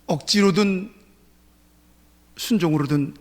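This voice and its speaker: A man's voice: sits high, slow pace. A male pastor preaching a sermon in a church sanctuary, emphatic, often repeating his key phrases. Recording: reverberant church hall.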